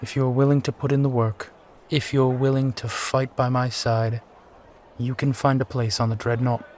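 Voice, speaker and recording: A man's voice: mid-range voice, little pitch movement, moderate pace, a little mellow, slight background noise, natural voice. A man playing a brooding, charming steampunk sky pirate captain and war veteran, talking wistfully and courteously in an immersive roleplay audio. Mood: proud. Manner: wistful, courtly, rambling, given to sighs. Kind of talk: immersive one-sided roleplay audio acting.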